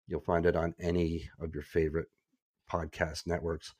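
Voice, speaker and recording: A man's voice: low voice, little pitch movement, normal speed, a little mellow, dry recording, clean studio sound. A man co-hosting a casual podcast, rambling with fillers and joking at his own expense. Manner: rambling, self-deprecating, many fillers. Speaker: podcast co-host. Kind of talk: casual chat. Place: echoey room.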